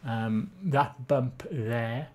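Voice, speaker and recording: This Swansea-accented Welsh streamer speaks extremely slowly in a mid-range voice. They casually chat, read viewers' comments out loud, and poke fun at themselves.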